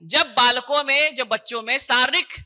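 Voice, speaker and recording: Guy teaching an exam coaching class, super bright tone, keeps asking the class questions and repeating stuff. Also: very high-pitched, normal speed. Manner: chatty, repetitive, quizzes the class.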